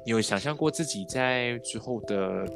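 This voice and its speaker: Over background music, a man hosts a relaxed podcast interview in Mandarin with a Malaysian accent, chatting and dropping in English words. His medium-pitched voice is creaky and moderately paced.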